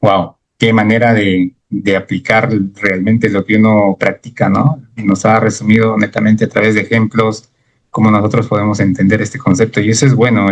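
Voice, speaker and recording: A man with a low voice hosts a podcast interview. He speaks politely and courteously to his guest. His questions are long and loosely worded. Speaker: podcast host. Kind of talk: interview host.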